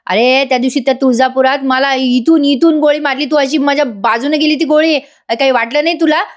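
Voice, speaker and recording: A woman's voice: high voice, fairly even intonation, a little fast, pitched above the performer's own voice, natural voice. A woman reading the lines of a drunk, scheming villain man in a taunting, boastful way.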